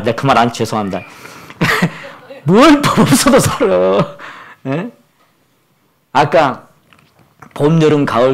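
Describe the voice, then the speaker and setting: A man in his sixties preaching a Sunday sermon at a church service, telling stories and acting out the voices of the people in them. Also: mid-range voice. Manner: animated storytelling, acts out quoted voices. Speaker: pastor.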